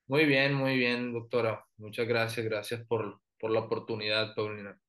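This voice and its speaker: A man in his thirties from Colombia's Caribbean coast with that accent, an orthodontist explaining his work in an interview, relaxed with many fillers and restarts. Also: medium pitch, moderate pace. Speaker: orthodontist guest. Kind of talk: professional interview and presentation.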